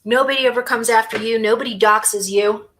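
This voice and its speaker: A woman's voice: on the high side, steady tone, fairly quick, a bit bright. A woman hosting a casual livestream, talking in a sarcastic, scornful way and eating a sandwich between remarks. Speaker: host.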